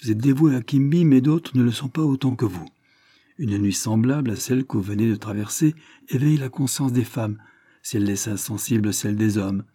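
A man's voice: medium pitch, a little fast, warm tone, husky, no echo, close to an everyday voice. A man reading an audiobook, voicing a stern coroner who questions a witness in a severe, formal way. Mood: firm. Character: stern middle-aged male coroner.

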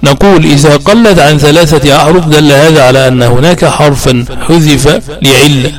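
A man's voice: fairly high pitch, a little fast, poor audio. A man teaching a grammar lesson, patiently asking and answering his own questions and repeating the key points.

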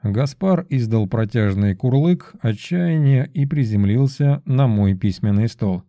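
Dark-voiced male audiobook narrator. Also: medium pitch, lively intonation, measured pace, no echo. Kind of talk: scripted fantasy narration.

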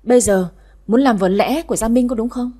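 A woman voicing a stern old grandmother who rules the family, speaking in a sharp, scolding tone. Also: a little high, a little fast, husky.

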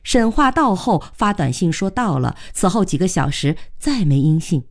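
A woman narrating a story in an expressive, measured way. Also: on the low side.

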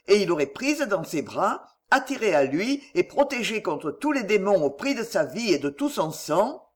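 A woman narrating a classic novel for an audiobook. Her reading is expressive and dramatic, with a lively melody that rises and falls widely. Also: mid-range voice, husky.

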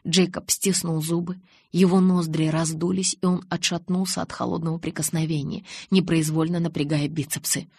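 A reader tells a novel in first person, steady and scripted. The sound is dry and close, with no room around it. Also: medium pitch, normal speed, breathy edge, no echo. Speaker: audiobook reader. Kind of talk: scripted audiobook narration.

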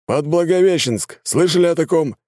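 A man playing a loud gruff military commissioner. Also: on the high side, lively intonation, moderate pace, dry recording, studio quality, voice pushed up, natural voice. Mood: commanding. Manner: barking orders, shouting roll call. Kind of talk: audiobook narration with voices.

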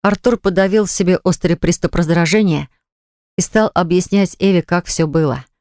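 An audiobook narrator reading scripted prose in an even, measured manner, recorded in a studio. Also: mid-range voice, no echo.

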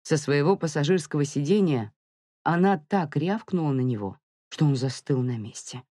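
An audiobook narrator reading a novel in an even, measured storytelling manner. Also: mid-range voice, no echo, studio quality. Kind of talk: scripted narration.

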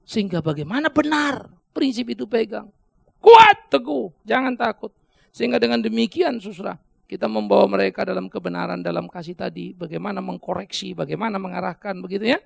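A man's voice: sits high, brisk, gravelly, dry recording, studio quality. A man preaching a sermon as pastor, in a conversational way with joking asides and sudden emphatic bursts.

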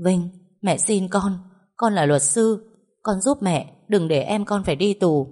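A woman voicing a doting, quick-tempered older village mother who cries, pleads and scolds. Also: lowish voice, animated, darkish tone. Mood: pleading.

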